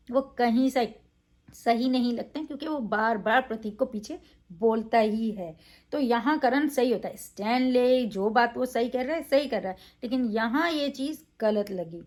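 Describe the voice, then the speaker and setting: A woman's voice: on the high side, unhurried, a little mellow. A woman reviewing a reality show in a casual, opinionated way, emphatic, with frequent fillers.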